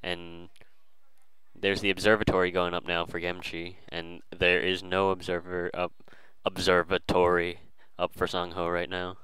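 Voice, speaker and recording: A man's voice: low-pitched, completely flat delivery, unhurried, pushed and bright, clear, resonant tone, dry recording, poor audio. A man casually commentating a strategy game, hesitant and full of fillers and restarts.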